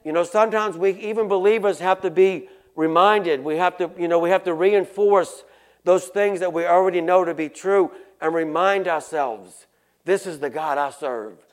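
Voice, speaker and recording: A man with a high voice preaches an earnest sermon. He stumbles and repeats words as he goes, then slows and lifts his voice when reading scripture. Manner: reads scripture louder and slower. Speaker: pastor.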